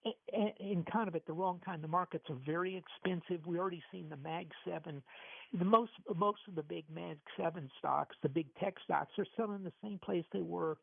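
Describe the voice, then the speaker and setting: A financial talk-show host taped off the radio, his man's voice deeply gravelly and a bit high for a man. He stumbles through frequent restarts. The tinny, dry broadcast sound is thin and phone-like. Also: a little fast, no echo. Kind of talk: call-in radio talk on markets.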